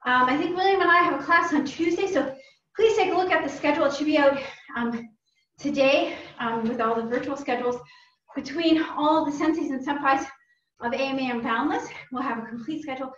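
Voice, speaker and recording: A high-voiced woman karate instructor coaches a family workout class over a video stream, cheering and calling out each cue. She sounds distant from the mic in a roomy space at home. The recording is dull and muffled. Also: brisk, a bit bright, slight background noise. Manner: upbeat, encouraging, calls out cues. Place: home room.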